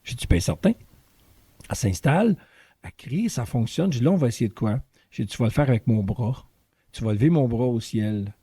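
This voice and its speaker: A man with a Québécois accent, a guest in a casual interview, telling a story in an animated way and acting out the dialogue. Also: mid-range voice, brisk, slightly rough, dry recording. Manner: animated storyteller who acts out quoted dialogue. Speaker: guest singer-songwriter and voice teacher.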